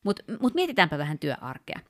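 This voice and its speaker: With a low, fairly bright voice and huge swings in pitch, this woman co-hosts a laid-back podcast conversation. She thinks aloud as she explains things one step at a time using work examples, often pausing with fillers and restarting.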